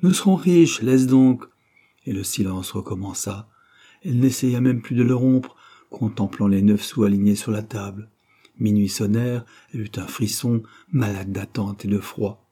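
A man reading a classic novel aloud as an audiobook, in a measured, expressive way. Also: fairly low pitch, husky. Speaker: audiobook narrator. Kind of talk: literary audiobook narration.

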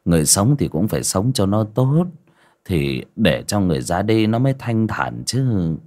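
A man voicing a calm villager who consoles a mourner in a soft, soothing, low-key way, in an audio story. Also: normal speed. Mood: consoling.

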